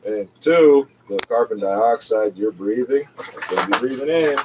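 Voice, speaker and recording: Talking back at a radio broadcast, a man delivers blunt, profane, sardonic running commentary off the cuff. His voice is medium-pitched and his pace measured. The recording is dull, noisy and lo-fi.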